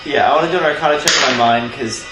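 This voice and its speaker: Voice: medium pitch, rapid-fire. A player in a tabletop game, hesitant and thinking aloud. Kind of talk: casual tabletop play. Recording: echoey room off mic with music.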